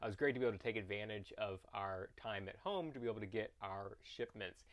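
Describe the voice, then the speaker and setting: A man's voice: on the low side, quick pace. A man in his thirties talks casually and earnestly to camera as a vlog host, recorded inside a small camper trailer a little way from the mic.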